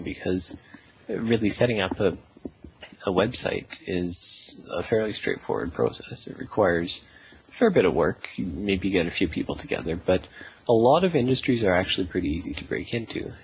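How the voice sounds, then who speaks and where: A man's voice: sits low, a little hiss or hum, low-quality recording. A man in his twenties answering interview questions thoughtfully, with many fillers. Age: 20s. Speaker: political party representative, guest.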